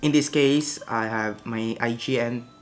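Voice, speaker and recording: A young adult man from the Philippines, whose first language is Tagalog, hosts a casual gaming vlog from a small indoor room, recorded on a desk webcam. His mid-range voice has fairly even intonation and a measured pace. Chatty and prone to repeating himself, he gestures with his hands while walking viewers through a giveaway.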